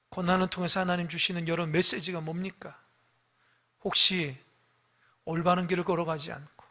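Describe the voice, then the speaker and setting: Male pastor, sermon, high voice, bright tone, loud emphatic bursts and hushed asides, questions to the congregation, church. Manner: preaching with sudden loud rises and hushed asides; addresses the congregation directly with questions. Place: church sanctuary.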